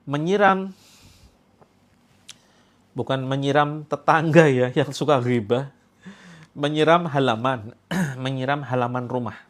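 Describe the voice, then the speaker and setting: Man guiding a healing prayer. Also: medium pitch. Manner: chants the call to prayer slowly, then gives quick instructions and stern commands. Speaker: spiritual healer leading a ruqyah session. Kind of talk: guided prayer and healing instruction.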